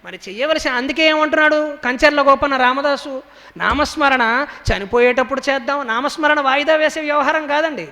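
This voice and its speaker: A young male orator with a very high, bright, forceful voice gives a devotional discourse. He moves between lively storytelling and slow, intoned verse chanting. His voice rings with the long reverb of a temple hall. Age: young adult. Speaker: spiritual orator. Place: temple hall during a public lecture.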